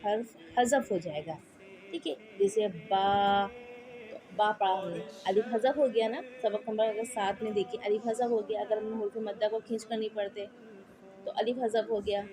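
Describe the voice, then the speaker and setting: A woman's voice: mid-range voice, steady tone, fairly quick, a crowd in the background. A woman teaching Quran reading in a patient, explanatory way. She repeats each point and keeps checking that her students follow. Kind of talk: slow explanatory lesson with spelled-out drills.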